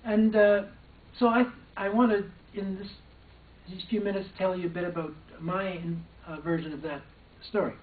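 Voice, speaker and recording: Speaking at a moderate pace in a steady, high-pitched voice, a former probation officer, now an older man, hesitantly recounts something from his own life with many restarts. The sound is distant, echoey, and phone-like.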